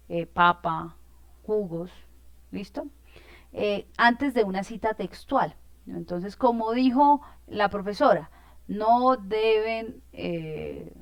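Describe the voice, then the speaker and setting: A woman's voice: mid-range voice, no room sound. A woman teacher, explaining a lesson in an informal way, with many fillers and check-in questions.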